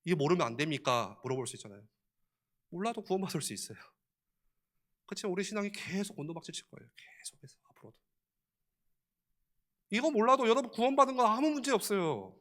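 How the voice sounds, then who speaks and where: Korean church pastor guy, high voice, lots of questions, chuckles a bunch, preaching. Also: sing-song, fast, pauses often, a bit bright. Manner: conversational preaching with rhetorical questions; chuckles often while preaching. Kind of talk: sermon.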